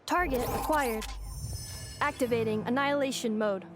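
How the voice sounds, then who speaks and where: A woman plays a precise robot girl in an anime game. The voice sits fairly high, deadpan and formal, over clear background music. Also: normal speed, natural voice. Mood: cool, formal. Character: polite female robot, precise and unemotional. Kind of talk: anime video game voice acting.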